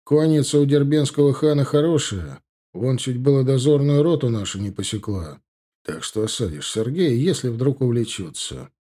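A man's voice: medium pitch, animated, moderate pace, dark tone, slightly rough. A man voicing a seasoned, commanding male Russian officer who gives clipped orders in an audiobook. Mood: calm, steady.

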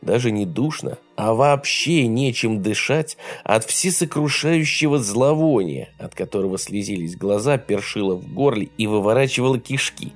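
Expressive male audiobook narrator. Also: fairly low pitch, normal speed, few pauses, soft background music. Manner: expressive, dramatic reading.

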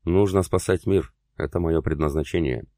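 A man reading a cold, calm commander. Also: sits low, no room sound, clean studio sound. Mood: cold, resigned. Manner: calm, measured.

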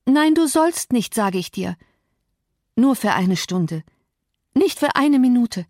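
A woman's voice: animated, slow, darkish tone, no echo, studio quality. Woman doing a desperate, dying young woman. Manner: high, pleading, breaking into cries.

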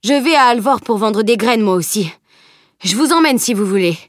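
A woman's voice: fairly high pitch, animated, moderate pace, no room sound, clean studio sound, voice pushed up, natural voice. A woman reading a plump, jovial middle-aged carter in an audiobook, with hearty exclamations and rustic speech.

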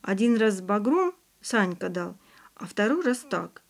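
A woman reading the lines of an eager, excitable schoolboy in an audiobook. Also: medium pitch, measured pace, vocal fry, heavily acted. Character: eager schoolboy boat captain.

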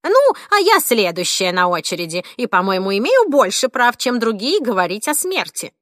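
A woman reading an audiobook, voicing a cantankerous 86-year-old woman who snaps and scolds in a shrill, indignant voice. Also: very animated, moderate pace, a bit bright, no echo, studio quality. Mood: defiant.

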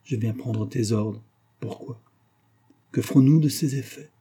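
A man voicing an old female servant, stern and pious, speaking in a grave, hushed, admonishing way. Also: mid-range voice, measured pace, husky.

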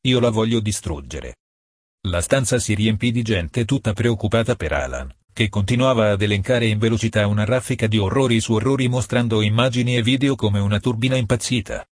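A man narrating a novel as an audiobook, in a steady reading manner. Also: on the low side, a little fast, few pauses, no echo, studio quality. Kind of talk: storybook narration.

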